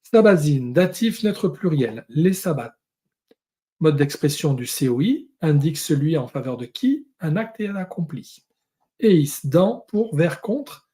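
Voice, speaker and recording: Husky man explaining scripture word by word. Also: fairly high pitch, sing-song, mellow. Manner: explains word by word, pausing often. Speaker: Bible teacher. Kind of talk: teaching lesson on Hebrew and Greek words.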